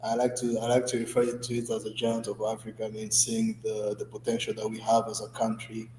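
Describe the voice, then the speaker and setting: A man in his twenties from the Democratic Republic of Congo, a guest in an interview, telling his story in a relaxed way with many fillers. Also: lowish voice, fairly quick, reverberant, long reverb tail, a little hiss or hum, rough recording. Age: 20s. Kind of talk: conversational interview.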